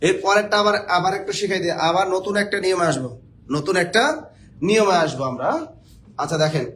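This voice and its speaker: A man's voice: high voice, quick pace, fairly bright tone, a little hiss or hum. A man from Bangladesh, teaching a spelling lesson for job exams, joking and quizzing his viewers.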